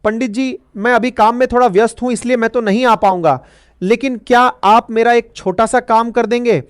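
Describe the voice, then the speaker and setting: A woman voicing a gentle, patient old male saint and weaver in a narrated storybook tale, speaking softly. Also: a little high, fairly even intonation, moderate pace, no echo, clean studio sound, close to an everyday voice. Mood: calm, kindly. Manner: soft-spoken, patient.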